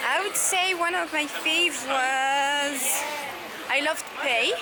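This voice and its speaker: A young woman with a high voice chats playfully with her partner while walking a city street for a vlog. Her tone is teasing and quick to joke. Thick crowd chatter and traffic noise press in around her. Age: 20s. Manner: playful, teasing, bursts into laughs. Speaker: vlogger. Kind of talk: casual chat.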